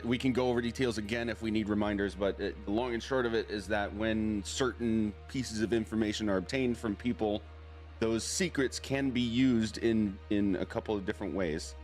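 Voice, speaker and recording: A man narrating as game master of a tabletop role-playing game, speaking haltingly with many fillers. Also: lowish voice, steady tone, a little mellow, faint music behind.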